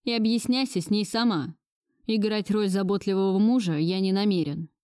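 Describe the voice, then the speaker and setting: A woman's voice: mid-range voice, normal speed, darkish tone, clear, resonant tone, no room sound, studio quality, lightly acted. A woman voicing a defiant young man who bitterly stands up to his grandmother. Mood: resolute. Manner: bitter, resolute outbursts. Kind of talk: audiobook dialogue reading.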